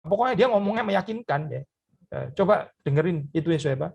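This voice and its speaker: Husky-voiced man preaching a sermon. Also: a little high, lively intonation, quick pace, muffled recording. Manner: earnest, addresses listeners as "Saudara" and tags phrases with "ya"; mixes English words into his speech. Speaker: pastor.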